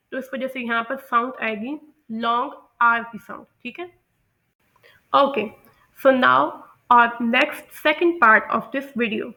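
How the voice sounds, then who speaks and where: Pakistani woman, English pronunciation tutor, clear bright tone, slightly high, patient and repetitive delivery. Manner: patient, repeats and corrects herself. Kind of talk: explanatory lesson, mixing Hindi-Urdu with English.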